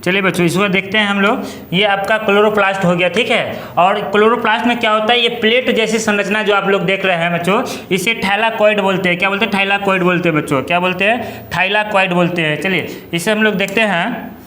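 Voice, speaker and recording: A man's voice: sits high, fairly even intonation, brisk, bright, forceful tone, reverberant. A man teaching biology, repeating each term and asking his pupils to say it back. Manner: repeats terms with call-and-response questions. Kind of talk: classroom lesson.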